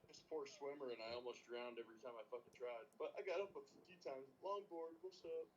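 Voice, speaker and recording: A man chats on a relaxed podcast with friends, his voice at an everyday middle pitch. He answers teasing with deadpan, mock-serious comebacks and curses freely. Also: a little fast, breathy edge, lo-fi sound. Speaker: podcast co-host. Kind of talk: casual banter among friends.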